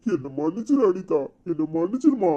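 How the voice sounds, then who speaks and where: A man's voice: sits high, big pitch swings, a little fast, mellow, dull audio. A man voicing a remorseful elderly father in a cartoon serial, with a Tirunelveli Tamil accent, humbly pleading for forgiveness. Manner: humble, pleading, meek agreement.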